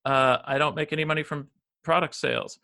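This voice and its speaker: A financial advisor from the United States, in his fifties, rambles as a podcast guest, full of restarts and fillers in casual interview conversation. He speaks briskly in a slightly high voice with a level, sharp tone.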